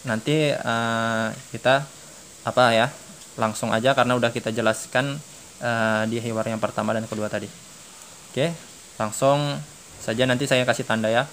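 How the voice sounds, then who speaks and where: Indonesian man, casual teacher voice, slow deliberate reads, relaxed explaining. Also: medium pitch, slight background noise. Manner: slow, drawn-out reading of dialogue lines, then relaxed explaining with fillers. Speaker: Arabic teacher. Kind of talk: casual online lesson.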